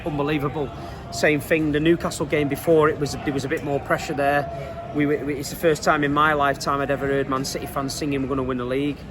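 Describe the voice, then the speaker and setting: A man's voice: fairly high pitch, level tone, a little fast. A man with a Manchester accent giving a casual, earnest interview as a football fan, using colloquial, emphatic phrasing.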